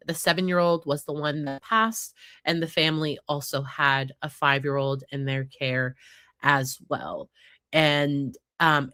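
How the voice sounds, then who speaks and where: Her low voice comes across bright and forceful as she, a woman psychologist, offers relaxed commentary on news cases. She sounds nasal and stuffed up from a cold, filling her conversational talk with fillers, recorded in a clean, echo-free studio.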